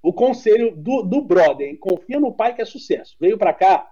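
High-voiced Brazilian man on a dull line. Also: normal speed, slightly rough. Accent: Brazilian Portuguese. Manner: blunt, swearing, animated storyteller. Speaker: podcast guest. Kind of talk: casual chat.

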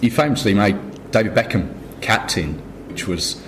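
Low-voiced male interviewer. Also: lively intonation, moderate pace, fairly bright tone, slight background noise. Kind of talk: conversational interview questions.

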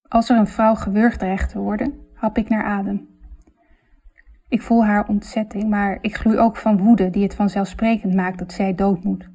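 A woman reads literary fiction aloud in a reflective, intimate manner. Her voice is warm and mellow, and her delivery is measured. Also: mid-range voice, level tone. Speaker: narrator. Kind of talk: literary audiobook narration.

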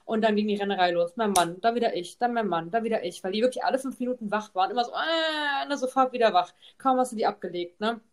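A young woman rattles through a casual podcast story at a brisk clip, her voice sitting a little high. She keeps checking in with her listener, chatty and unfiltered. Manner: chatty storytelling, constant tag "ne?". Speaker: podcast host, mother of two.

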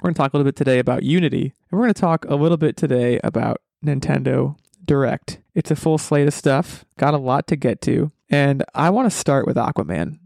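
A man's voice: medium pitch, fairly quick, vocal fry, few pauses, a little mellow, no room sound, studio quality. A man hosting a casual pop culture podcast, speaking in an opinionated, emphatic way and often restarting his sentences. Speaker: podcast host. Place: basement room at home.

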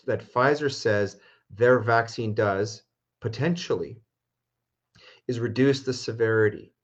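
Indignant low-voiced man. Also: lo-fi sound. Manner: indignant, emphatic, with restarts. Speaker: lawyer. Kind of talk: heated talk-show discussion.

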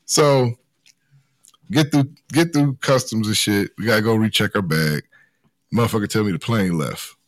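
A man's voice: fairly low pitch, normal speed, dry recording. A man telling a story in casual chat, laid-back, slangy and profane.

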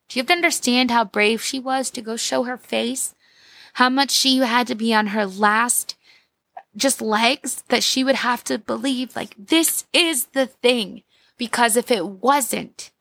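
A woman's voice: a little high, creaky, fairly bright tone, no room sound. A woman giving a casual, chatty, slangy devotional talk as a podcast host, her voice thick and muffled from a swollen throat. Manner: chatty, slangy, addressing listeners as girls and guys.

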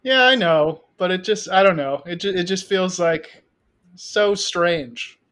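A man appearing as a guest on a film podcast, amused and hesitant, full of likes and pauses. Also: sits high, fairly bright tone. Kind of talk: casual film discussion.

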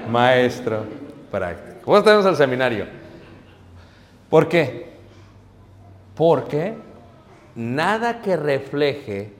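A man's voice: mid-range voice, big-room sound, a little hiss or hum. A man preaching a humorous sermon, telling stories and laughing at his own jokes to the congregation.

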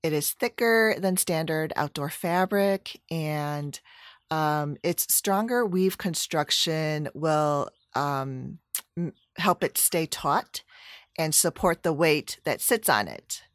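A woman's voice: low-pitched, slow pace, no room sound, studio quality. A woman chatting casually about a home project, rambling with fillers and self-corrections. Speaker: DIY vlogger. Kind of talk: casual chat.

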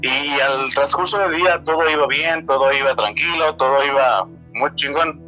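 Halting young Mexican man, bright voice. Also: mid-range voice, dull audio, faint music behind. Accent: Mexican Spanish. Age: 20s. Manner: halting, repeats words and restarts often. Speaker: storyteller sharing a true encounter. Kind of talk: casual spoken testimony.

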